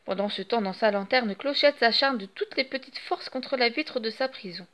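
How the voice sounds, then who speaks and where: A woman reading a children's audiobook aloud in an expressive, animated storytelling manner. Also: fairly high pitch, normal speed. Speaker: storybook reader.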